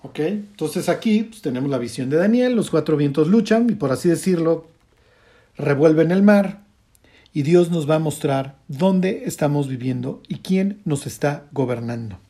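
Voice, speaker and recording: A man's voice: on the high side, animated, normal speed, warm tone. A man teaching a conversational Bible study, explaining passages and pointedly commenting, often checking in with a questioning "ok?".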